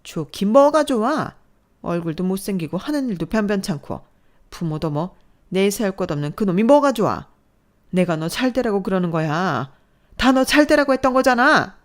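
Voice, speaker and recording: A woman voicing a furious, domineering middle-aged mother who scolds loudly in a dramatized story. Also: medium pitch, big pitch swings, normal speed, pitched above the performer's own voice, natural voice. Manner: shouting, scolding.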